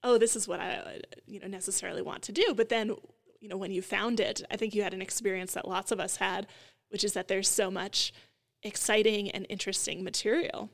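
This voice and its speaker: A woman's voice: medium pitch, fairly even intonation, fairly quick, gravelly. A woman hosting an interview podcast, talking in a chatty conversational way with frequent fillers. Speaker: podcast host.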